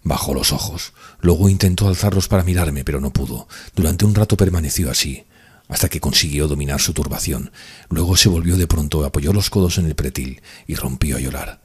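Deep, husky male audiobook narrator. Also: darkish tone. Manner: measured, earnest first-person reading. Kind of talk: scripted literary narration.

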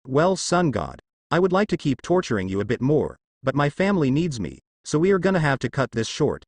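Man voicing a calm, cold young hunter, confident. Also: fairly high pitch, a little fast, no echo.

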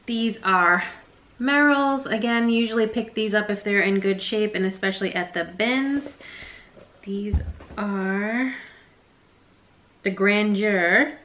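A woman's voice: medium pitch, slow, pauses often, a bit bright, rough recording. A young woman chatting casually through a resale haul vlog, rambling and self-deprecating. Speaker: reseller vlogger.

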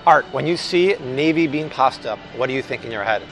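A brisk, fairly bright mid-range voice belongs to an American man in his thirties vlogging from a large indoor supermarket aisle. Soft music plays behind his upbeat, chatty, enthusiastic product review on a low-quality recording that still clearly picks up store ambience and hum.

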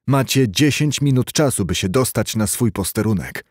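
A man voicing a stern, resolute middle-aged male lawyer who speaks in a forceful, commanding way. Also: medium pitch, expressive, normal speed, no echo, clean studio sound, lightly acted. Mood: grave.

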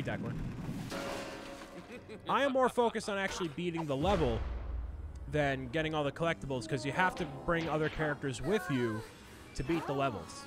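A man chatting casually on a live stream as he plays a video game, reading chat aloud and bantering with the characters on screen. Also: a little high. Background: game music.

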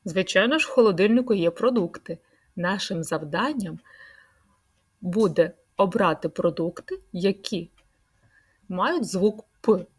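A woman leading a speech-sound lesson for preschool children, stretching out words in a slow, sing-song way. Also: mid-range voice, slightly rough. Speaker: preschool teacher.

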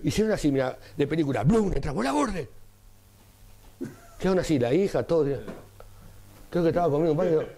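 Racing along with a fairly high voice, a man with a Rioplatense Spanish accent, a carnival performer, tells an anecdote as an interview guest. He brings the story to life by voicing each line of dialogue differently as it shifts.

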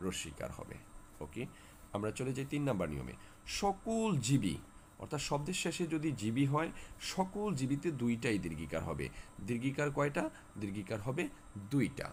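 A man's voice: mid-range voice, big pitch swings, brisk, slight background noise. A man teaching students spelling rules, often repeating key words and asking then answering his own questions. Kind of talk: spelling lesson for exam students.

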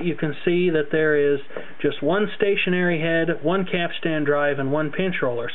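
Indoors at a tape deck, a hobbyist demonstrator narrates an unscripted, hands-on tutorial, carefully explaining each step into his camera's microphone. His voice is on the high side, and the audio sounds narrow and tinny.

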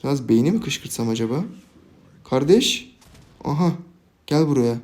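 A young man giving casual, jokey live commentary on his own game, swinging from quiet planning to loud, laughing outbursts. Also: medium pitch, unhurried. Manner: excitable, jokey, shouts and laughs at big plays. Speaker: gaming YouTuber.

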